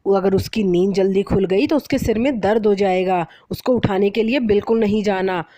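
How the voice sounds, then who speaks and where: A woman's voice: on the low side, a little slow, a little mellow, no room sound, natural voice. A woman voicing a harsh, sarcastic middle-aged mother-in-law with a scolding, taunting manner.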